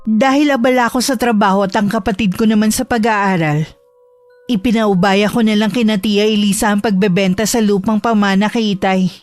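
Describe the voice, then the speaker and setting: A woman's voice: medium pitch, a little fast, no room sound, faint music behind, lightly acted. A woman narrating in the first person as a grieving young working woman, in a reflective, worried tone.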